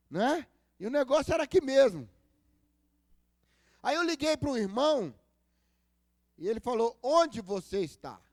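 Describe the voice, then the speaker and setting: Very high-voiced man preaching a sermon. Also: darkish tone, dry recording, studio quality. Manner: storytelling preacher who acts out dialogue; asks the congregation for responses. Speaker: pastor. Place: church service.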